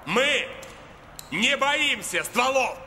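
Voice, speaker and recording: A man's voice: very high voice, expressive, extremely slow, heavily acted. An actor in his thirties playing a hard, menacing male gang leader haranguing his men in a film drama. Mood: angry, haranguing. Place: large indoor sports hall. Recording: reverberant hall, faint background noise.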